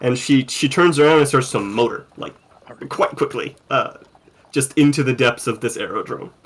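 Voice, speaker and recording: A man's voice: mid-range voice, moderate pace. A man narrating a tabletop game as game master, loose and rambling with lots of ums.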